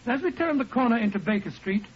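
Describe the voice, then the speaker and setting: An actor playing a genial, chatty older English doctor and storyteller in 1940s radio style. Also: male voice, extremely high pitch, expressive, fast talker. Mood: storytelling. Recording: muffled, hissy 1940s radio recording.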